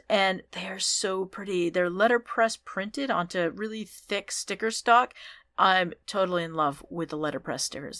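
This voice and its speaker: A woman hosting her own podcast, chatting casually and upbeat through thanks and shout-outs, with ums and restarts. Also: mid-range voice, no room sound, clean studio sound. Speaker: podcast host.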